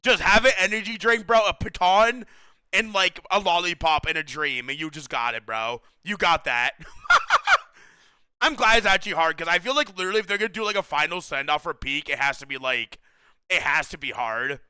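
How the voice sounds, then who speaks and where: Excitable high-voiced young male streamer. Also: moderate pace, smooth, dry recording. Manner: excitable, slangy, says bro a lot, laughs often. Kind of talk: casual chat with stream viewers.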